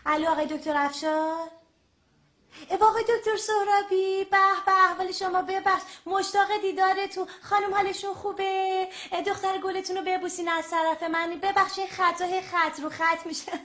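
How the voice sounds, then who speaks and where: A woman's voice: extremely high pitch, fairly even intonation, fairly bright tone. A woman presenting on the radio, making comic phone calls, polite, chatty and always apologizing.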